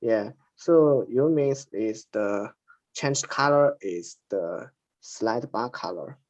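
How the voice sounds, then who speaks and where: A man, a student, speaking haltingly to his professor, his voice heard over an online call line. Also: fairly low pitch, animated, darkish tone. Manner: halting, searching for words. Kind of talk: meeting with a professor. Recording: dull lo-fi call audio.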